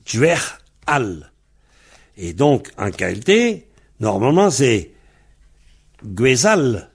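A man's voice: medium pitch, sing-song, very slow, slightly rough. A man giving a patient lesson on Breton pronunciation, spelling out words letter by letter and comparing dialect variants. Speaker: Breton language teacher.

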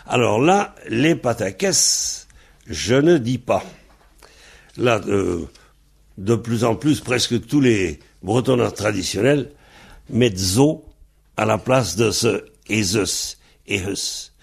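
Slow, gravelly man teaching grammar. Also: fairly low pitch, expressive. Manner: hesitant, many fillers, spells words out letter by letter. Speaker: Breton language teacher. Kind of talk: slow explanatory grammar lesson.

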